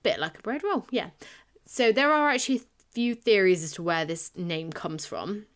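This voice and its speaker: A woman's voice: mid-range voice, normal speed. Tired, giggly Bristolian woman podcaster. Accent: Bristolian English. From Bristol, England. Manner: chatty, giggly, self-deprecating asides. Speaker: podcast co-host. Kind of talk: casual chat, presenting folklore research.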